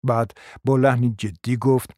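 A man narrating a radio drama in a measured, literary way at an ordinary pitch. His voice is recorded dry and close, with no room echo. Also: fairly even intonation, darkish tone. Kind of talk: scripted narration.

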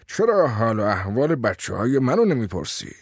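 A man reading a story aloud, voicing a sly middle-aged male businessman who hedges and speaks in a low, hushed tone. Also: big pitch swings, breathy edge, no echo, studio quality. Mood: cagey. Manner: hesitant, dodging with fillers, low and hushed.

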